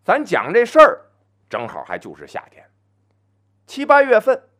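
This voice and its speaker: A man telling a traditional folk story on his own, chatty and full of asides, slowing down to chant opening verse. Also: extremely high pitch, huge pitch swings, a bit bright. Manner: chants verse slowly and grandly.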